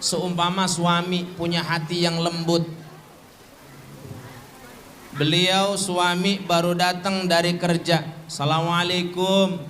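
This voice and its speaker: A man preaching a sermon in a playful, joking way, asking the audience questions and chanting Arabic phrases in a drawn-out, melodic way. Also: sits high, completely flat delivery, fairly bright tone, slight background noise. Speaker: Islamic preacher.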